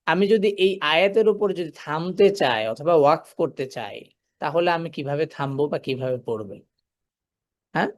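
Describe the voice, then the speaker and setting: A man giving a Quran recitation lesson in a voice pitched a little above the usual male range. He moves through each rule step by step, asking a question and then answering it himself. He slows right down whenever he recites an example verse.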